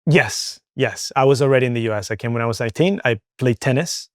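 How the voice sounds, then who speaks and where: A young man from Venezuela speaks as an interview guest, open and chatty, leaning on fillers as he goes. His voice is smooth and clear, sits at an ordinary pitch, and is recorded close and dry. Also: fast, dry recording. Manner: candid, chatty, many fillers like "um" and "like". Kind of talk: casual interview talk.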